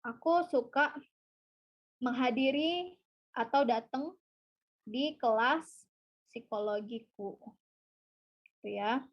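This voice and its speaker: High-voiced woman teaching an online class. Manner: mixes English into explanations, slow model sentences. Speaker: English teacher. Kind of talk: webinar lesson. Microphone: video call. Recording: slightly dull webinar audio.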